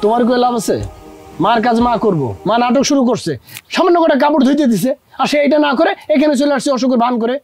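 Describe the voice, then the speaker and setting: A young man, playing a scornful, rude younger brother who shouts, in a TV drama, with music underneath. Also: extremely high pitch, expressive, fast, no echo. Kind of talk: TV drama acting.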